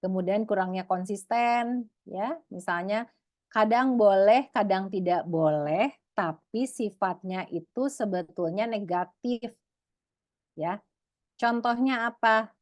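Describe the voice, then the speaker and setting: A woman giving a webinar talk on parenting, lively and acting out parents and children in high voices. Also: slow, no echo. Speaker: psychologist speaker.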